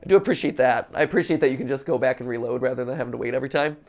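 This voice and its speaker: Chatty man with a gravelly voice. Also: medium pitch, rapid-fire, darkish tone. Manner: chatty, joking, thinking aloud. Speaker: host playing a video game. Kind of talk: casual let's-play commentary.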